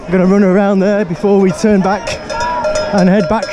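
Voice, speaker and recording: A man's voice: high voice, level tone, moderate pace, crowd noise. A British man talking casually to camera while running, with some effort in his voice, upbeat and jokey. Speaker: vlogger running a marathon. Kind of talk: casual vlog commentary to camera. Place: outdoors on city marathon streets among crowds. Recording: outdoor street noise, loud music, cheering crowds.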